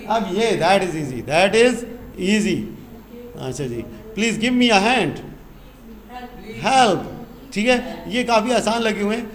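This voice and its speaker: Male teacher, high voice, mixes English phrases into explanations, roomy sound. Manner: mixes English phrases into Urdu explanations, asks and answers his own questions. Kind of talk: classroom lesson explaining English grammar.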